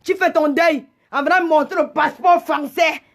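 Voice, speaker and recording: Agitated female livestream host, very high pitch, indignant scolding delivery with stammered repeats. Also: steady tone, moderate pace. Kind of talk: heated live rant.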